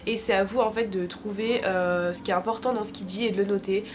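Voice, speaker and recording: Over a noisy background, a French woman in her late teens vlogs casually, giving slangy, informal advice fast and in a steady tone. Her mid-range voice is thick and sore, since she's sick with a throat infection from tonsillitis.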